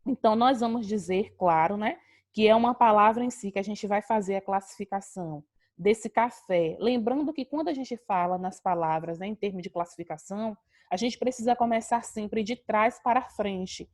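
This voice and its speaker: A woman's voice: mid-range voice, normal speed, a little mellow, no room sound. A woman teacher, explaining a lesson to students on a video call, talking to them directly. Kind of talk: online class lesson.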